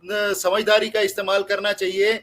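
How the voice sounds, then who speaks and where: A high-voiced man hits back in a heated televised debate, accusing and combative. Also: flat delivery, normal speed, a bit bright. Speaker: party spokesperson, debate panelist.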